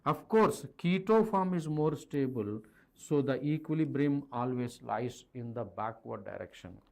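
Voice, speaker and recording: A middle-aged man with an Indian accent, a chemistry teacher, gives an online lesson at a digital board in an indoor teaching studio, switching languages and speaking directly to his students. His mid-range voice is lively in intonation, slightly mellow, and touched with vocal fry, and he keeps a measured pace. He's recorded on a clip-on lapel mic.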